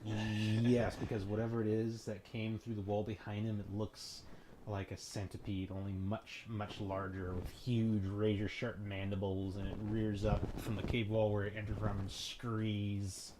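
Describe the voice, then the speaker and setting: A man's voice: lowish voice, flat delivery, measured pace, background noise. A man narrating as game master in a tabletop role-playing session, describing scenes vividly between casual rules talk.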